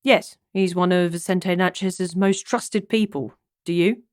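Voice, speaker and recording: A woman's voice: lowish voice, fairly even intonation, a little slow, darkish tone, no room sound, clean studio sound, close to an everyday voice. A woman voicing an easygoing, flirtatious male police detective in a cozy mystery audiobook. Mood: casual, probing.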